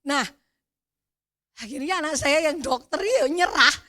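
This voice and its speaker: Woman, Javanese accent, middle-aged, preacher, sermon testimony, high-pitched, animated, near-shouting at peaks. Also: unhurried. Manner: animated storytelling, swelling to near-shouts, addresses the congregation as "saudara".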